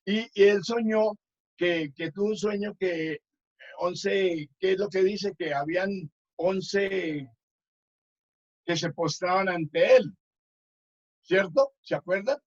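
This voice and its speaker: A man's voice: high voice, takes it slowly, pauses often. A man, a minister telling a testimony with many restarts in a Sabbath school lesson. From Colombia. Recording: dull lo-fi recording.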